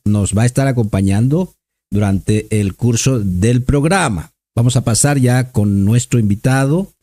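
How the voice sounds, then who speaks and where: A man's voice: mid-range voice, darkish tone. A man hosting a religious interview program, courteous and often repeating his phrases.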